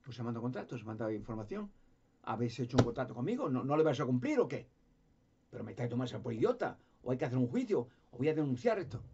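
A man's voice: mid-range voice, sing-song, fast, warm tone, highs cut off, a little hiss or hum. A man telling his own story in a rambling monologue, often stammering and repeating words as he searches for them. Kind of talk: rambling first-person monologue.

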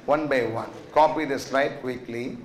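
A man's voice: mid-range voice, unhurried. A middle-aged man with a South Indian accent giving a classroom lecture, drilling students with repeated questions and check-ins. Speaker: finance lecturer. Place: indoor classroom, speaking to students. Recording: echoey classroom.

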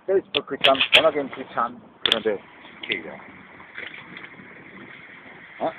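A man's voice: mid-range voice, lively intonation, moderate pace. A man talking to his viewers in a rambling monologue, mixing English words in and often tossing out a questioning "eh?". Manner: rambling, mixes English words into Korean, keeps asking "eh?". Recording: tinny phone-like audio with faint noise.

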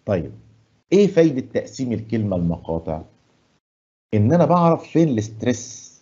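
A man with an Egyptian Arabic accent teaching an English lesson. He asks the class questions and answers them himself, and he stresses English words slowly and loudly. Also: mid-range voice, sing-song, husky, muffled recording. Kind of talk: classroom lesson explaining grammar and pronunciation. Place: studio.

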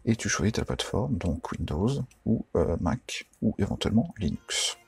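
A man's voice: lowish voice, big pitch swings, moderate pace, vocal fry, breathy edge, dry recording. A man giving a casual, informal how-to tutorial, chatty and full of fillers and self-corrections. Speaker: radio tutorial maker.

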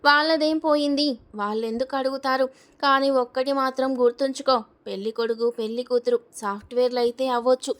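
A woman voicing a nosy middle-aged neighbor in a storybook reading, confiding in a low, careful way. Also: steady tone, a little fast, lightly acted.

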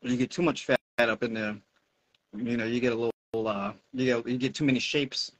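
Speaking a little fast with fairly even intonation, the American fitness coach, middle-aged, explains things in a casual video-call Q&A from an indoor room at home. His medium-pitched voice is a bit bright; the earphone audio is dull and muffled with slight background noise.

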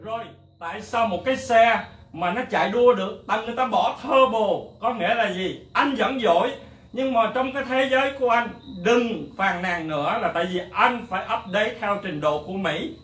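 A man teaching a drum lesson, lecturing bluntly and rambling, counting beats out loud. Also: sits high, normal speed. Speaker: music teacher. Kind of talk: drum lesson, talking to camera. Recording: echoey room, mic at a distance. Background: faint drums and music.

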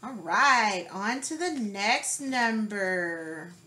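Slow, lively woman teaching a child to count. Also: medium pitch, slight background noise. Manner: encouraging, addresses young children with questions and praise; slow, deliberate counting aloud.

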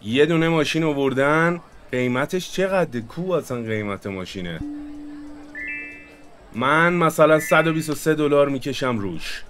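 A man's voice: on the high side, expressive. A man hosting a gaming channel, giving casual let's-play commentary in a chatty, joking way as he plays. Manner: chatty, jokey, talks to himself and viewers while playing.

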